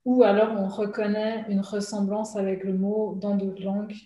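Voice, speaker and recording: A Swiss artist and illustrator is interviewed casually from her home during lockdown, in a room that echoes. Her mid-range voice is mellow and flat at a moderate pace, and she's hesitant, using many fillers and laughing often.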